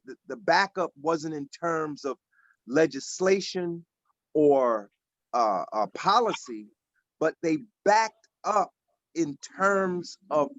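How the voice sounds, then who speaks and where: A man's voice: a little high, no room sound. A man in his sixties speaking earnestly and emphatically in a casual discussion, often repeating words as he builds a point. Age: 60s. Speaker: panelist at an activist forum. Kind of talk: casual discussion on a video call. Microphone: video call. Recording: dull lo-fi video call audio.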